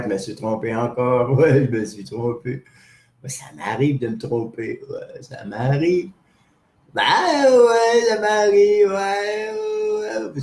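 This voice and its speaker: A boastful, cranky old man, as a man puts him on, rambles through an improvised comic live stream. His pitch sits a little high and swings wildly, often shooting up into a squeak. The recording sounds roomy and echoey. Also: creaky, a little mellow, heavily acted.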